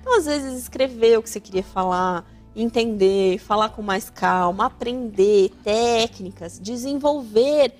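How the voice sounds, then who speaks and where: A woman's voice: fairly high pitch, measured pace, hardly any pauses, a little mellow, soft background music. A woman with a Brazilian Portuguese accent hosting an advice talk show, speaking animatedly and acting out the voices she quotes. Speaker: radio host giving family advice.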